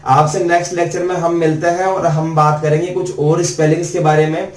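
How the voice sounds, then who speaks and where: A man's voice: a little high, flat delivery. A male teacher giving a spelling lesson, drawing out letters one by one at a board. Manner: slow, drawn-out letter-by-letter spelling. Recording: echoey room, mic at a distance.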